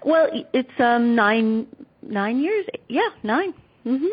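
A woman guest author telling a personal story in an interview, animated and acting out the voices she quotes, on dull lo-fi audio. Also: on the high side, slow pace, husky.

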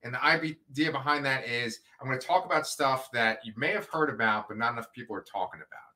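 A man's voice: mid-range voice, brisk, bright, forceful tone. A man hosting a casual review podcast, talking in an upbeat, rambling, emphatic way. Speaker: podcast host.

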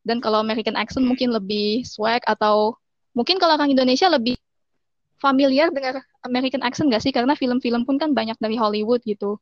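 A woman's voice: on the high side, steady tone, fast talker, no echo. Young woman chatting with English mixed in. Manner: mixes English phrases into casual slang. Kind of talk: casual chat. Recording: dull, slightly muffled audio.

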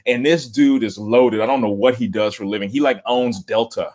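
Relaxed, joking man in casual chat. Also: medium pitch. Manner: relaxed, joking, drawn-out phrasing. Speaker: podcast co-host. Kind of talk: casual movie review chat.

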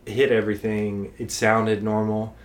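A man's voice: fairly low pitch, flat delivery, a little slow. A man co-hosting a podcast in casual chat, rambling with lots of fillers and restarts. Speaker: podcast co-host.

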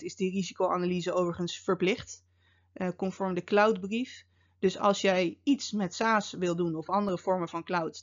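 A woman podcast host, who also works as a security officer, explains security topics casually, with plenty of fillers and wry asides. Her voice is medium-pitched and the audio sounds dull.

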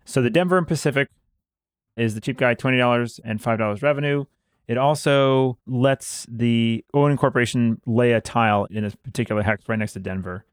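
A man hosting a casual board game discussion, explaining details at an easy pace and pausing with fillers as he recalls them. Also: medium pitch, smooth, no room sound, clean studio sound.

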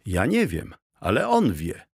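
A man voicing a timid male guinea pig who talks in a squeaky, nervous way. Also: wildly swooping pitch, a little slow, gravelly, husky, dry recording, clean studio sound, exaggerated voice.

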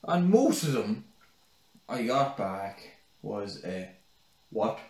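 A man's voice: lowish voice, sing-song, slow, a little mellow. A man co-hosting a casual podcast, teasing his co-host, swearing and laughing as he reads out listeners' icks. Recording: echoey room, set back from the mic.

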